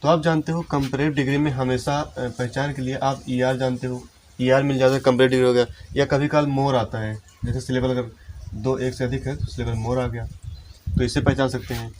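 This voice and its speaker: A man teaching English grammar in a lesson, explaining step by step and slowing down to dictate example sentences. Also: medium pitch, little pitch movement, darkish tone, slight background noise. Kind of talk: Hindi-language classroom lesson.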